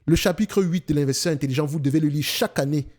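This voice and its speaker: A man's voice: on the high side, quick pace, a little mellow. A man with a Cameroonian French accent, hosting an investing channel in an emphatic casual monologue, often restarting and repeating himself.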